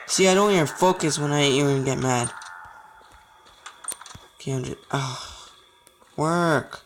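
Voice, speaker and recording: Young guy gaming n grumbling to himself, kinda high voice, faint game noise behind. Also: measured pace. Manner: frustrated, talking to himself. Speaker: gamer. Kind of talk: let's play commentary.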